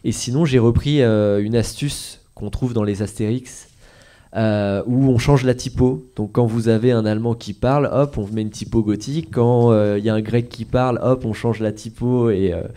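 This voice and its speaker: A man, a comics author, telling an audience about his work in a relaxed, hesitant way with many filler sounds. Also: mid-range voice, normal speed. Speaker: comics author at a library talk. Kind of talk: casual talk to an audience.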